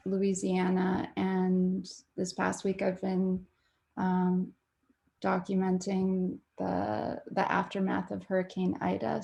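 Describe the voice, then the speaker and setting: A young woman from Canada, a documentary photographer, talking reflectively on a panel with frequent pauses and fillers. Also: medium pitch, gravelly, a little mellow. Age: young adult. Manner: reflective, hesitant with many fillers. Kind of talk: panel talk.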